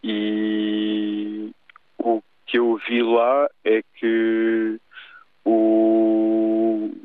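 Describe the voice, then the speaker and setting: A man with a European Portuguese accent calling a radio show, giving his views in a halting, stammering but insistent way. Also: lowish voice, completely flat delivery, no echo. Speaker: caller. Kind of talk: radio call-in opinion. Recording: tinny phone line.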